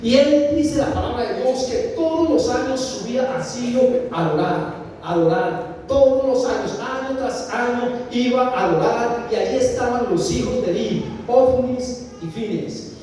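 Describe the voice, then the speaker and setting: A man's voice: extremely high pitch, normal speed, a little mellow. A man from Colombia preaching a sermon to his congregation, addressing them directly with frequent hesitations and repeated phrases. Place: church. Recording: echoey church hall, distant mic, faint noise.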